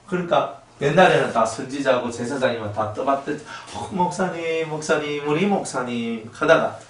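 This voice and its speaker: A male pastor delivering a sermon in an animated way, acting out the voices of people and raising his voice for emphasis. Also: mid-range voice, normal speed, reverberant, recorded from a distance.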